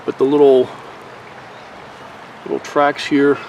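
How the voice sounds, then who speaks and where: A man's voice: medium pitch, takes it slowly, vocal fry, muffled recording. Rambling man narrating a woodland hike. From Pennsylvania. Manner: relaxed and rambling, with frequent fillers and mild swearing. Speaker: nature vlogger. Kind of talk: casual hiking narration. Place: outdoors in the woods by a creek. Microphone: handheld camera. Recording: faint outdoor noise on a camera mic.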